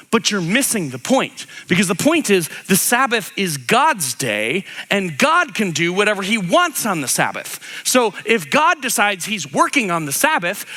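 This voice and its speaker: A man preaching a conversational sermon, animated and acting out the voices he quotes. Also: sits high. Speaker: pastor.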